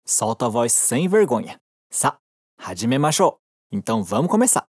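A woman with a Brazilian Portuguese accent teaching Japanese in a recorded lesson, patient and encouraging, slowing down to model each phrase. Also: extremely low pitch, very animated, breathy edge, no room sound, clean studio sound.

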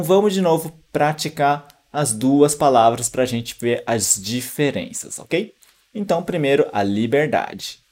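Slow, patient language teacher man. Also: mid-range voice, a little mellow. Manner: slow, patient, repeats words for practice. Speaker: Japanese teacher. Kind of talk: online pronunciation lesson.

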